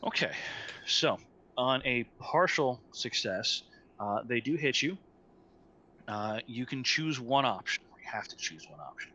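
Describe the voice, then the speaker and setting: A man's voice: mid-range voice, lively intonation, measured pace, bright, forceful tone, husky. A man acting as game master, patiently explaining rules with many fillers over an online call. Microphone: online call mic.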